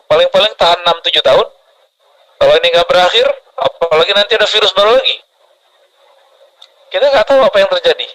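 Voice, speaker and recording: A man preaching a sermon to a congregation, lively and often putting questions to the audience. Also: sits high, low-quality recording. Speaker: Islamic preacher.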